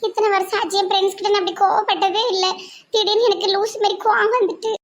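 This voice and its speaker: A woman doing a squeaky hot-tempered village wife. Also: steady tone, fast. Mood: remorseful. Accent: Tirunelveli Tamil. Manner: squeaky, scolding and emphatic. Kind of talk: comic cartoon voice acting.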